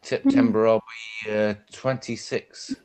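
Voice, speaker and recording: A man's voice: fairly low pitch, huge pitch swings, measured pace, a little mellow, smooth. A man in his thirties joking and teasing in a casual stream chat. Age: 30s. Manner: teasing and playful.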